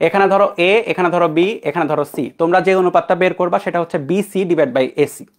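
This young physics teacher from Bangladesh talks fast with a high-sitting voice and fairly even intonation. Teaching online, he stays casual and conversational, checking in with his students often.

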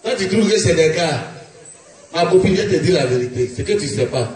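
A man with an Ivorian accent playing a brash, whiny young woman who demands her money in a live comedy sketch, in a high, wailing falsetto. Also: expressive, fairly quick, natural voice. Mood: indignant. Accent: Ivorian French. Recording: echoey live stage, distant mic, audience.

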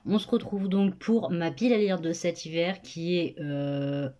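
Chatty young woman, low voice. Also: fairly even intonation, a little slow, mellow. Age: young adult. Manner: chatty, lots of hesitations and self-corrections. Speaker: book vlogger. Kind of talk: casual chat. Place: bedroom at her parents' home. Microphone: phone camera.

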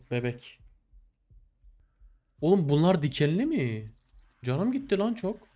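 A young man narrates his survival game in casual commentary, talking straight to the game and to his animals. His voice sits at a middle pitch, and he drops into quiet muttering, then flares up into loud, exasperated complaints. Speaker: gameplay streamer.

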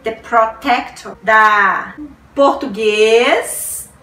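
Speaking very slowly, a woman in her 40s gushes about books to camera, exclaiming and repeating herself in a high, bright voice. She's in a small decorated room indoors, and the audio sounds roomy, a little far off, and faintly hissy.

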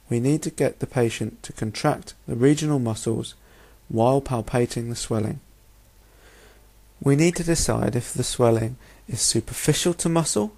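A man's voice: mid-range voice, dark tone. Methodical male medical lecturer. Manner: clear, methodical, instructional, posing rhetorical questions. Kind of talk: narrated lecture over slides.

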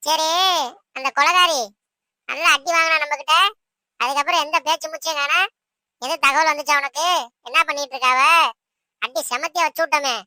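A woman's voice: sits high, steady tone, moderate pace, pauses often, pushed and bright, no echo. A woman voicing a tough, boastful village woman in a cartoon who gloats over a fight she won. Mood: gloating.

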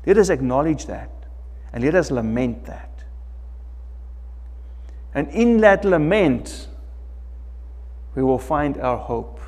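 Middle-aged man, pastor, sermon, slow deliberate preaching, long church-hall reverb. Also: fairly high pitch, lively intonation. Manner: slow, emphatic preaching with wide swings in loudness. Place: church sanctuary, indoors, preaching at a lectern.

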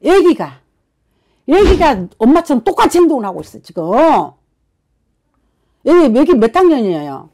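A woman's voice: sits high, big pitch swings, moderate pace, long pauses. A woman fortune teller giving blunt counsel, scolding and prodding her client with constant questions. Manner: forceful, scolding, keeps prodding with "어?".

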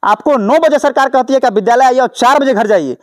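A man reporting on the spot from a village school, pressing a teacher with pointed questions. His voice sits high and the words pour out fast. The sound is dry and close. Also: dry recording. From Bihar. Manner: confronting and lecturing. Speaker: reporter and host. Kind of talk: on-the-spot news interview.

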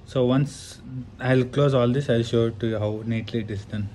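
Mellow and steady, the man talks at a normal speed in a medium pitch. As a tutorial presenter with an Indian accent, he gives a casual, hands-on walkthrough step by step, often checking with "right." Room ambience and background noise are clearly audible.

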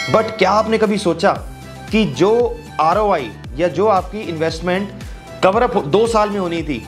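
A man in his thirties, a gym business coach, explaining to camera from a trophy-filled office, mixing English phrases into Hindi and gesturing constantly. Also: on the high side. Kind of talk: direct-to-camera advice video. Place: office with trophy shelves, indoors.

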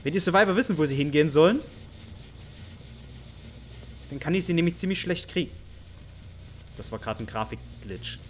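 A man's voice: a little high, animated, quick pace, a little hiss or hum. A man giving playful, teasing let's-play commentary over a horror game, mock-taunting the characters he hunts. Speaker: gaming YouTuber.

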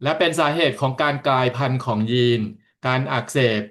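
A man interpreting a talk into another language in steady, continuous stretches after each passage. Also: medium pitch, a little fast. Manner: steady, continuous rendering of the speaker's points. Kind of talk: consecutive interpreting.

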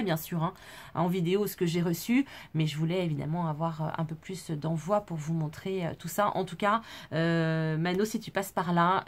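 A woman presenting a craft haul in a chatty, casual way, with many hesitations and fillers. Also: on the low side. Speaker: crafting vlogger.

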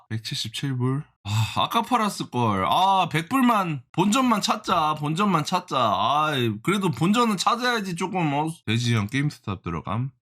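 A young man vlogs about stock trading, reacting live as he day-trades in a fairly high, fairly bright voice. He's exasperated, scolds the price chart directly, and trades jokey banter with his viewers.

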